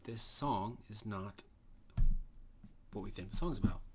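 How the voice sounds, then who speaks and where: A man's voice: fairly low pitch, measured pace, noisy background. A young man co-hosting a podcast, chatting in a rambling, profane way. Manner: profane, rambling, bursts into loud laughing voices. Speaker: podcast co-host. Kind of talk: casual chat.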